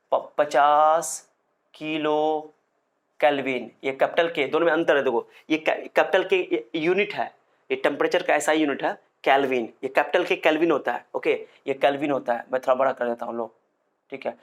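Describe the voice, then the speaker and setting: A man's voice: on the high side, steady tone, a little fast. A man giving a physics lecture at a board, repeating key points emphatically and having students say terms back after him. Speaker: physics teacher.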